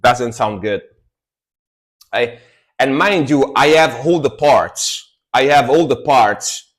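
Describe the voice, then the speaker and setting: An Italian man in his thirties, a native speaker from Italy, hosts a livestream with a medium-pitched, animated voice at a slow pace. He chats casually and rambles, often repeating his phrases, with an Italian accent.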